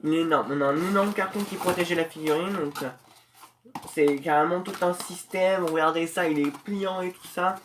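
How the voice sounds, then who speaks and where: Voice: medium pitch, moderate pace, noisy background. Chatty, slangy unboxing host. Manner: slangy and chatty, with many hesitations; excitable when opening the package. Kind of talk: casual unboxing commentary.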